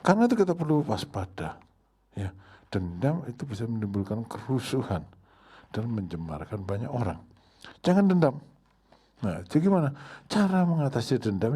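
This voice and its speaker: A middle-aged man preaching a sermon as pastor, telling a personal story and acting out his own anger with sudden loud rises. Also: fairly low pitch, slightly rough.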